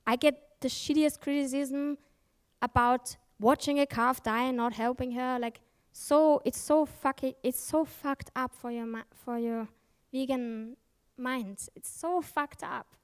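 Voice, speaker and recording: Candid, emphatic woman speaker, somewhat high voice. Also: fairly even intonation, measured pace, clean tone. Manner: candid and emphatic, swears freely; frequent self-corrections and fillers. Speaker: conference speaker. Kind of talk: conference talk. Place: conference stage.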